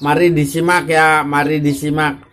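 A man's voice: on the high side, level tone, moderate pace, fairly bright tone. Joking vlogger man. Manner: jokey, repeats phrases, greets viewers as bro, guys, ma'am, sir. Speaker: YouTuber giving tips to beginners. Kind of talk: casual chatty vlog.

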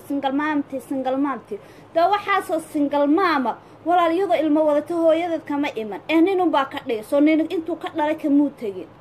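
A woman with a Somali accent giving casual, opinionated advice in an emphatic, pleading way, repeating phrases for stress. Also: sits high. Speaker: social media commentator giving advice. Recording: clear background noise.

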